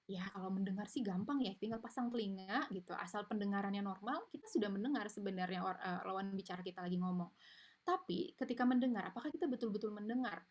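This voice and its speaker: A woman's voice: mid-range voice, fast talker, a little mellow. A woman giving an informal online parenting lecture, chatty and explanatory, with frequent tag fillers, over a video call mic. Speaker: parenting webinar speaker.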